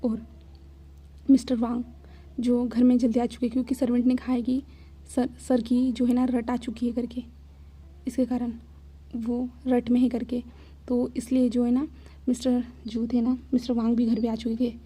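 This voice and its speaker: A woman's voice: a little high, flat delivery, moderate pace, pauses often, warm tone, slightly rough. A woman casually retelling a fanfiction story, rambling along with frequent fillers.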